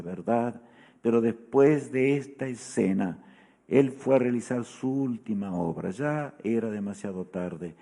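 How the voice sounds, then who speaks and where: A man's voice: mid-range voice, darkish tone. A man preaching a sermon in a solemn teaching tone, often asking his listeners "¿verdad?" as he goes.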